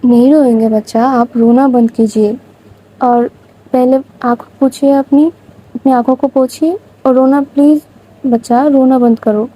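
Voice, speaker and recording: A woman voicing a short-tempered young woman boss who talks in a quick, scolding way. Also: high-pitched, steady tone, mellow, low-quality recording. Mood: soothing. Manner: scolding, rapid and impatient.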